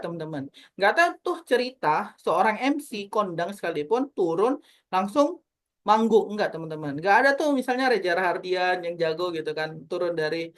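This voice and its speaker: Over a video call, a woman who trains people in public speaking teaches an online class. Her voice is mid-range and animated, and she keeps calling her audience friends.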